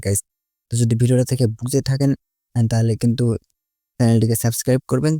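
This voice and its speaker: Dark-toned and medium in pitch, a man's voice guides listeners through a casual step-by-step tutorial. As host, he speaks Bengali laced with English words and relies heavily on repeated connectives. The recording is dry and studio-clean.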